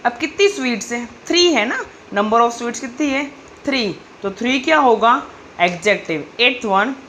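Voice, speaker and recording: A woman teacher explains grammar to children in a patient question-and-answer style, reading sentences slowly. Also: fairly high pitch, fairly bright tone, slight background noise.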